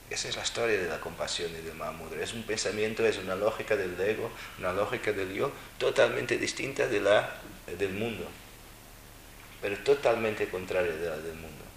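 A man's voice: sits low, normal speed, fairly bright tone, slight background noise. A man giving a Buddhist dharma talk, teaching with wry, mocking asides. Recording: roomy echo with faint ambience.

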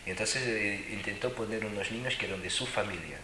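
Low-voiced guy telling stories to a crowd, punchy and emphatic, echoey room. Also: fairly quick, sharp tone, a little hiss or hum. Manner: emphatic, repeats words for emphasis. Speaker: speaker telling personal stories. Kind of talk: animated storytelling to an audience.

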